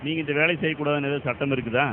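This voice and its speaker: A man's voice: a little high, steady tone, very fast, noisy background, natural voice. A man playing an older village farmer who earnestly lectures young men about taking up farming. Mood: lecturing. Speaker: elder farmer. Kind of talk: short film acting. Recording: phone-like audio with loud music.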